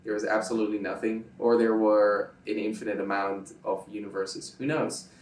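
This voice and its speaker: With a lowish voice and flat delivery at normal speed, the Dutch YouTuber, a native Dutch speaker from the Netherlands, responds to interview questions as a guest. He stresses and repeats his points, asking "right?" for agreement. The recording is roomy and off-mic, with him far from the microphone.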